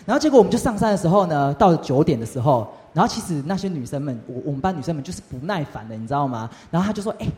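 A young man tells a lively testimony story to a youth group, often asking the audience questions. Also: fairly high pitch, rapid-fire, few pauses. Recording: reverberant hall.

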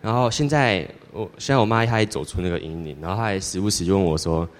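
A teenage boy giving a church testimony in a rambling, halting way, with many restarts. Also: sits low. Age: teens. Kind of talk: personal testimony. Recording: long hall reverb.

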